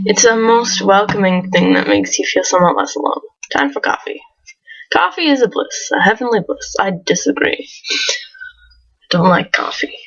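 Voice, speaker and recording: A woman in a relaxed gaming session reads on-screen text aloud and slips into giggles between lines. Her voice sits at an ordinary middle pitch, and the home recording sounds dull and lo-fi. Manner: giggly, breaks into laughs between read lines. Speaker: let's play gamer. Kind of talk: reading game text aloud with casual commentary.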